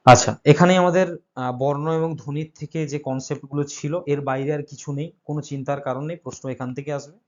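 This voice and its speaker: A man's voice: fairly high pitch, steady tone, quick pace, highs cut off. A male teacher who explains an exam-prep grammar lesson step by step and keeps checking that his students follow.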